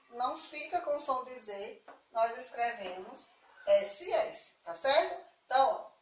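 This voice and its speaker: A woman teacher with a Brazilian Portuguese accent, explaining a spelling lesson to young children slowly and patiently, often checking if they follow. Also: high-pitched, fairly bright tone, recorded from a distance. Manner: slow, patient explaining with frequent "tá certo?" checks. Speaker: primary school teacher. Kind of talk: remote class lesson. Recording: roomy, from off the mic.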